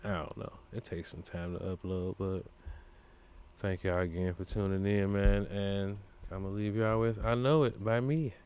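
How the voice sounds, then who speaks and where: A man's voice: fairly low pitch, steady tone, normal speed, darkish tone, clean tone. A man hosting a solo podcast in a laid-back, rambling way, full of fillers and slang. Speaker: podcast host. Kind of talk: casual solo podcast talk.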